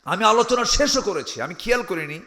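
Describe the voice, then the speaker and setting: Male preacher, bright and high, animated crowd-work delivery, stage mic with long reverb. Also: a little fast, vocal fry. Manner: animated, calls out to the crowd and demands louder answers; jokes and acts out quoted people. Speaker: Islamic preacher. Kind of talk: Bengali waz sermon to a live crowd. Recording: long reverb from a big venue.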